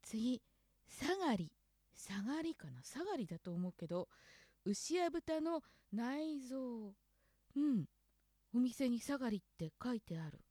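A woman's voice: on the high side, big pitch swings, measured pace, dark tone, dry recording, studio quality. A woman from Hokkaido hosting a casual spoken lesson on local dialect words, thinking aloud and questioning herself as she goes.

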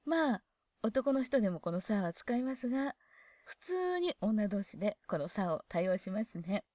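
A woman's voice: mid-range voice, very animated, normal speed, warm tone, dry recording. A woman from Hokkaido giving a casual spoken dialect lesson, chatty and thinking aloud as she explains. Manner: chatty, thinks aloud, asks herself questions. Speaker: dialect teacher.

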